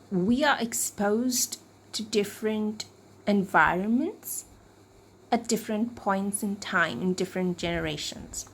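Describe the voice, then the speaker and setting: A woman talking to camera about mental health in a reflective, unscripted way, often searching for words and restarting, her voice cracking and her throat needing clearing. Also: mid-range voice, slight background noise.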